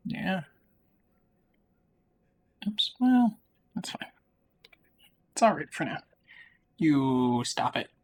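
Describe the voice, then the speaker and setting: A player giving casual gameplay commentary, offhand and often muttering while concentrating on the game. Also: mid-range voice. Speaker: video game streamer.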